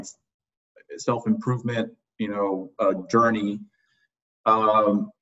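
A man in his late thirties, a podcast guest, speaking reflectively and haltingly with restarts. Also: fairly low pitch, dull audio. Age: 30s. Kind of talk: casual interview.

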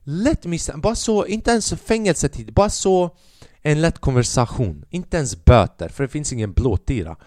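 Lively-voiced man telling stories. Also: on the high side, dry recording, studio quality. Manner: animated, profane, rambling. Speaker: podcast host and stand-up comedian. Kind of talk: casual storytelling monologue.

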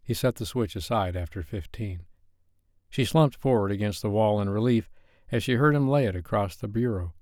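A man narrating an audiobook in a measured, steady reading. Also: lowish voice, no room sound, studio quality. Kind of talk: scripted narration.

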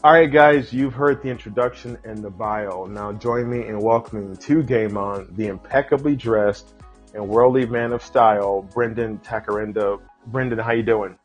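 Man, podcast host, lowish pitch, breathy tone, upbeat and hyped. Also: normal speed, faint music behind. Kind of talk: scripted intro then casual interview.

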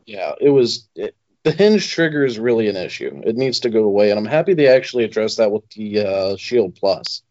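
A man's voice: fairly low pitch, brisk. Guy on a phone call, muffled lo-fi sound, chill chatty cohost, cusses a bit. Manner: relaxed, agreeable, swears casually. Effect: heard over a mobile phone. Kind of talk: casual chat. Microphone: mobile phone. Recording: dull lo-fi phone audio.

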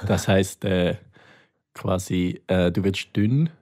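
Joking Swiss German man, low-ish voice. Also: takes it slowly, dark tone. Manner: joking, hesitant with fillers. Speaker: podcast co-host. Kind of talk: casual chat.

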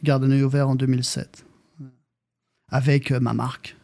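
A man's voice: mid-range voice, moderate pace, creaky. A man with a French accent, a rapper guest telling stories in a casual podcast chat, with many fillers and repeats. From France. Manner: animated storytelling, lots of fillers and repeats.

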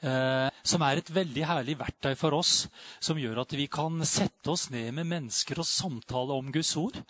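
A man preaching a charismatic sermon, fervent and full of amens and hallelujahs, rising to loud exclamations and dropping to quiet reflection. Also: fairly high pitch, no echo. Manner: peppers speech with amen and hallelujah.

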